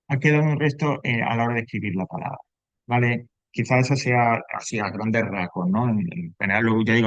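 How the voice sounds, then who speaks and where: A man's voice: medium pitch, a bit bright, no room sound. A man from Andalusia with an Andalusian accent, a teacher explaining grammar in class and often checking that students follow. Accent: Andalusian Spanish. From Andalusia, Spain. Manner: explanatory, keeps checking with "right?". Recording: dull, dry, muffled.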